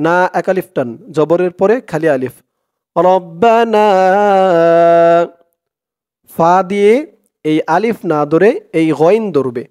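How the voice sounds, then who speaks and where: A man teaching Arabic reading, who spells words letter by letter and chants each syllable slowly and long. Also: on the high side, darkish tone. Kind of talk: spelled-out recitation lesson.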